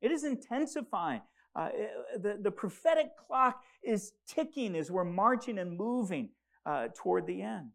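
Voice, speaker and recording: A man's voice: sits high, big pitch swings, a little slow, creaky. A man who grew up in Congo preaching a sermon, earnest and rising to urgent emphasis. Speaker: pastor.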